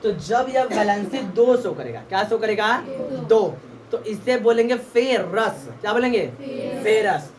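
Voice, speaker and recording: A woman's voice: medium pitch, lively intonation, unhurried, darkish tone. A woman teaching a classroom lesson, asking the class questions and repeating the answers back. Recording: echoey room from far off, faint background noise.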